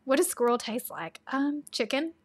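A chatty woman with a Tennessee Southern accent hosts a casual livestream and answers viewer questions. She laughs often and slips into soft asides. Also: high voice, normal speed, husky. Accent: Southern American (Tennessee).

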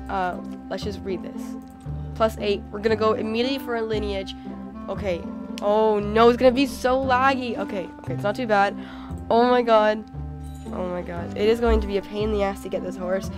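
Hoarse and worn from a cold, a young gaming channel host comments on her play in a mid-range voice. Her casual talk gets excitable, full of "like" and "oh my god," over faint, soft game music.

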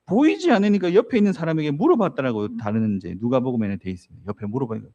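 A man's voice: medium pitch, lively intonation, very fast, dark tone, dull audio. A male pastor preaching a sermon, telling the story vividly and putting rhetorical questions to the congregation. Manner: storytelling, acts out voices in the story.

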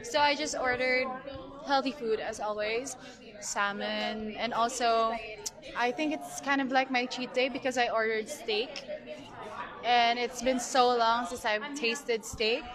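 A woman's voice: a little high, fairly even intonation, unhurried, over music. A young woman filming a casual vlog in a restaurant, bubbly and talking straight to her viewers. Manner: bubbly, addresses viewers directly. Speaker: pageant contestant vlogging. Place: busy restaurant indoors. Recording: crowded restaurant chatter behind.

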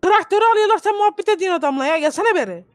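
Very high-pitched, rapid-fire man in game roleplay. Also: animated, dry recording. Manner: protests and repeats himself. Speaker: player voicing a farmer in a roleplay. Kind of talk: heated game roleplay over voice chat.

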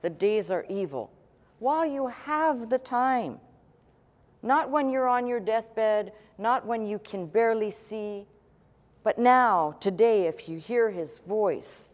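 A woman pastor preaching a sermon, measured and emphatic, with rhetorical questions. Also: mid-range voice. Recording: long hall reverb.

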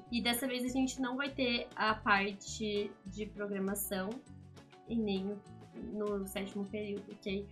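A woman in her twenties with a Brazilian accent and a raspy, smoker-like voice, chatting in a rambling way to camera as a vlog host. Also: a little high, a bit bright. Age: 20s. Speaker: video channel host, games student. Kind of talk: casual vlog talk to camera. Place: small indoor home room.

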